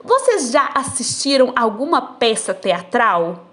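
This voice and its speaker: A woman teacher, explaining textbook exercises to children in a slow, patient way, recorded on a phone. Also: fairly high pitch, big pitch swings, fairly bright tone.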